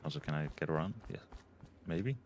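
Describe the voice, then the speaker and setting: A man with a low voice gives casual let's play commentary. He muses and thinks aloud as he plays. Faint game ambience and noise sit behind him. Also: lively intonation, a little fast, a little mellow. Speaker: gamer.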